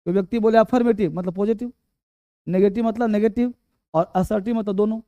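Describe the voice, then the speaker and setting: Guy teaching english grammar, high pitched but mellow, slow and repetitive, dry sound. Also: steady tone, no echo. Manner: slow, repeats key words, quizzes students. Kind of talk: classroom grammar lesson.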